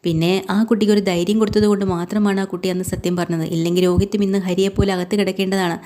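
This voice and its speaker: A woman's voice: medium pitch, flat delivery, quick pace, warm tone, natural voice. Woman playing a protective older father. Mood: concerned, advising. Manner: advising, concerned.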